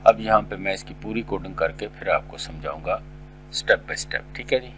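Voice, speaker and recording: A middle-aged man explaining a screen-recorded coding tutorial step by step, in a polite, steady way. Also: low-pitched, normal speed, slight background noise, poor audio. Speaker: tutorial instructor.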